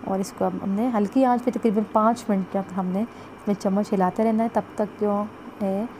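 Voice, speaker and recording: A woman's voice: mid-range voice, steady tone, moderate pace, mellow, slight background noise, rough recording. Woman chatting through a home recipe. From Pakistan. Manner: chatty, repeats "jo hai" and "ye dekhein" while showing the pot. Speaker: cooking vlogger. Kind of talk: step-by-step cooking instructions. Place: home kitchen at the stove.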